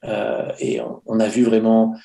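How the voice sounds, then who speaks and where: Gravelly-voiced French man, hesitant. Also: lowish voice, monotone, a little slow, dark tone. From France. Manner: hesitant, many fillers and restarts. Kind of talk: casual conversational sharing. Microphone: video call.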